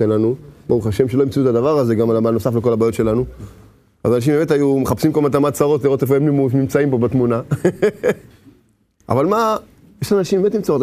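A man delivering a lively sermon in a somewhat high voice. He swings between loud, high-pitched exclamations and hushed, low storytelling. He acts out his stories with sound effects and voices, and at times breaks into song. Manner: breaks into singing. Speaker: preacher.

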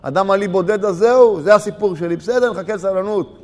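A male preacher delivers a religious sermon, pressing rhetorical questions and repeating words for emphasis. His voice is high for a man. The recording carries a long hall reverb.

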